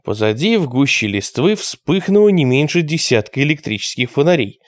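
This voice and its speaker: A man narrating an audiobook in an expressive storytelling manner. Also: on the high side, normal speed, dry recording.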